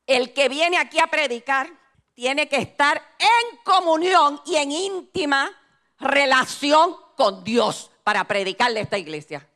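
A woman's voice: sits high, animated, unhurried, a bit bright, voice pushed up. A woman voicing a stern, imposing male pastor who gives curt orders. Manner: commanding, curt. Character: stern big male pastor, demanding and cold.

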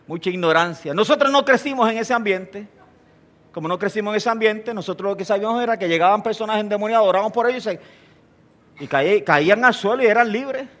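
Older pastor, bright high voice. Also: male voice, fast talker. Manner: animated storyteller, humorous asides, asks the congregation questions. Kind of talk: sermon.

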